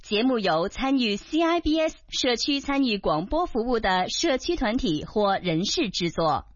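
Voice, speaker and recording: Woman announcer, station notice; high, melodic, slow and formal, dry lo-fi. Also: sing-song, no room sound. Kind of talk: scripted radio announcement. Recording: dull lo-fi radio broadcast.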